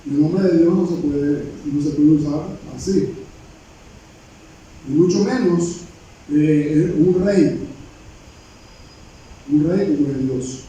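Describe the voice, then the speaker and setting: A man preaches in a high, soft-toned voice. He repeats words as he gropes for them and often turns questions to his congregation. The sound is very reverberant and distant, with a faint hiss behind it. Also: slow, long pauses. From Panama. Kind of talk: sermon. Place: church sanctuary. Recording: very echoey church from a distant mic, faint noise.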